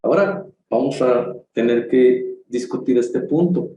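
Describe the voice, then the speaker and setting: A man preaching a sermon in church, earnest, rising in pitch for emphasis and often restarting his sentences. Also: a little slow, mellow. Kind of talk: sermon over an online stream. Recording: echoey room with faint background hiss.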